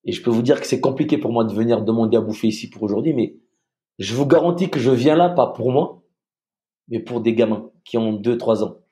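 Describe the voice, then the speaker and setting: Appearing as a podcast guest, a man from Madagascar tells a personal story in a dark, medium-pitched voice. He halts and repeats words, and he acts out the people he quotes.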